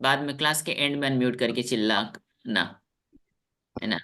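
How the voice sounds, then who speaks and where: A man with an Indian accent drills vocabulary slowly in a video-call English class, repeating every word three times. He speaks at a medium pitch in a pushed, bright voice and is stern with his students.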